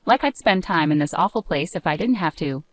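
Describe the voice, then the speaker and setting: A woman's voice: sits low, animated, a little fast, dry recording. A woman voicing a lazy, contemptuous young husband who sneers and mocks, in a read-aloud story. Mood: sneering. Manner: sneering, sarcastic.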